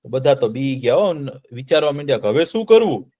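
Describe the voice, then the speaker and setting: A man tells a story to children, animated and often pausing to quiz them. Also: mid-range voice, muffled recording. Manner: animated, keeps asking the children questions.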